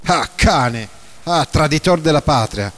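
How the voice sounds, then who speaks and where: A man doing a shrill raging rioter. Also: animated, a little slow. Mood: furious. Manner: shrill accusing shouts. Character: furious male rioter crying spy, frenzied.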